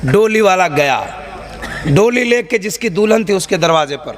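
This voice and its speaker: A man's voice: high-pitched, lively intonation, normal speed. A man preaching a sermon to a live gathering, teasing the listeners, firing questions at them and scolding the noisy ones. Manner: banters with and questions the audience. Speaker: Islamic preacher. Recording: live crowd audible behind.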